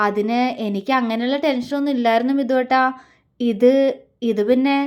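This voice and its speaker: A woman's voice: fairly high pitch, normal speed, lightly acted. A woman storyteller voicing a shy, emotional young bride in a romance story. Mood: bashful. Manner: bashful, tremulous.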